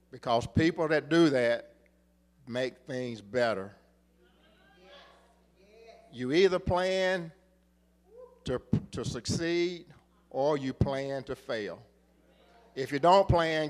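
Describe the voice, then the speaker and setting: A middle-aged man preaching a sermon, repeating phrases for rhythm and building to emphatic shouts. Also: mid-range voice, takes it slowly, pauses often.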